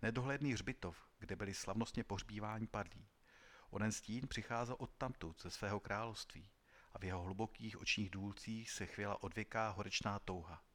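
A man narrates a story aloud in a calm, measured manner. His voice sits on the low side and keeps a steady, even telling.

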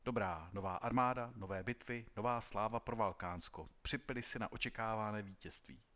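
Calm, low-voiced male storyteller. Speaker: narrator. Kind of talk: read-aloud story narration.

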